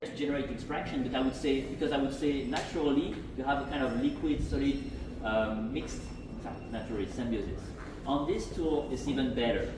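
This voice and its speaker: Winery guide heard from afar. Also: male voice, mid-range voice, brisk. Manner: explanatory, repeats phrases, searches for words. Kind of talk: explaining winemaking on a tour. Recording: distant voice with clear outdoor noise.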